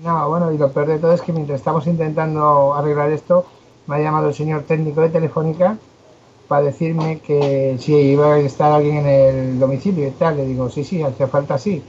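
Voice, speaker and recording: A man's voice: on the high side, level tone, a little fast, darkish tone, a little hiss or hum. A man hosting a casual radio chat, blunt and irritated, swearing as he rants. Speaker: radio host. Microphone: computer setup with background noise. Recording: dull lo-fi sound.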